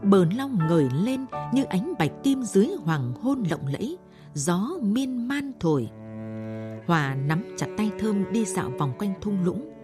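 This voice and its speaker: A woman's voice: medium pitch, very animated, unhurried, music in the background. A woman reading a literary short story as late-night narration.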